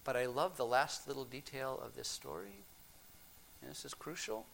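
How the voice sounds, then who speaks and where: A man preaching a sermon, swinging between hushed, drawn-out phrases and emphatic, raised passages. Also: mid-range voice, expressive, creaky, a little hiss or hum.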